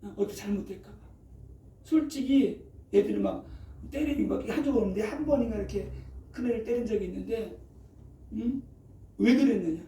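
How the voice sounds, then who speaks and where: A man's voice: high-pitched, mellow. A middle-aged male pastor preaching a sermon, constantly prompting the congregation with "eh?" and "right?". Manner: frequent rhetorical "어?" and "예?" prompts to the congregation. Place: church sanctuary. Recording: echoey room, mic at a distance, faint ambience.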